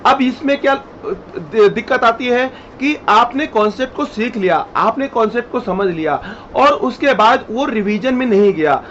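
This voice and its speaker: A man's voice: very high-pitched, expressive, moderate pace, fairly bright tone. A man teaching chemistry in a classroom-style lecture, repeating each rule step by step and addressing students directly. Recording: dull lo-fi sound, faint noise.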